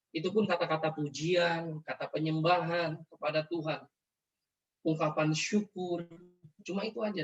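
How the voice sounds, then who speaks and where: A man's voice: on the high side, fairly bright tone. A man preaching an emotional testimony in a fervent, repetitive storytelling manner. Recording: distant mic, dull lo-fi sound.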